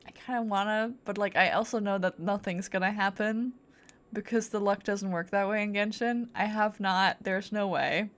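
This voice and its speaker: In a mid-range voice with fairly even intonation and a moderate pace, a woman talks casually over her game stream. She muses aloud, rambles, and playfully backtracks to correct herself.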